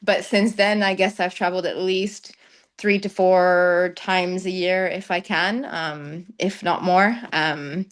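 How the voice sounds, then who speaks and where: This young woman has a lowish, clear, resonant voice, fairly even in intonation and slow in pace. Having grown up in the Netherlands, she works as a travel content creator and responds thoughtfully in a conversational interview, often saying um and laughing lightly.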